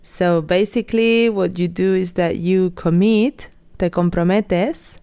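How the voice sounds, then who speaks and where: A woman's voice: fairly low pitch, fairly even intonation, measured pace, warm tone, smooth. A native Spanish-speaking woman co-hosting an educational language podcast, mixing Spanish and English in Spanglish as she talks.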